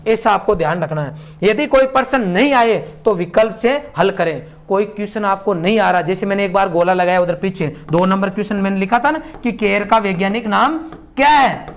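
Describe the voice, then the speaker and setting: A man teaching exam students in a lecture, lively and emphatic, asking questions and dropping to a quiet voice to stress points. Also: sits high, a little fast. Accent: Hindi with Rajasthani touches.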